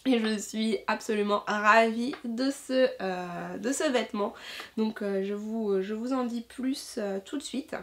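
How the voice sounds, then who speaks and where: A woman's voice: a little high, unhurried. A woman chatting casually about her sewing projects, enthusiastic and full of hesitations, fillers and restarts. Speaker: sewing vlogger. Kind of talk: casual chat.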